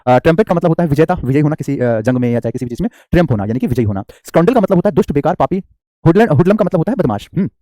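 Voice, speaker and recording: A man's voice: fairly high pitch, warm tone, no echo, studio quality. A man teaching English vocabulary in a live online class, chatty and joking, calling his students "beta" and reading their comments aloud.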